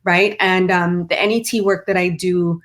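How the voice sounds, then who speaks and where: Guesting in a casual interview, a mental performance coach from Trinidad and Tobago, middle-aged and Trinidadian-accented, explains her ideas earnestly. Her fairly low voice keeps an even intonation at a moderate pace, and "right?" and "like" come up often.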